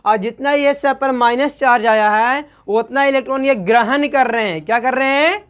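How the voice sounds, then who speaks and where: A woman's voice: high voice, normal speed, clean tone, highs cut off. Hindi-speaking woman teaching chemistry class. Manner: asks questions and answers them herself, repeating key words. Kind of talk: online class lesson.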